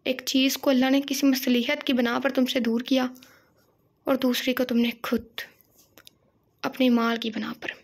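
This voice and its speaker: A woman's voice: high-pitched, little pitch movement, moderate pace, pauses often. A woman voicing a sorrowful mother who speaks in a heavy, admonishing tone to her grown son. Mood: mournful reproach.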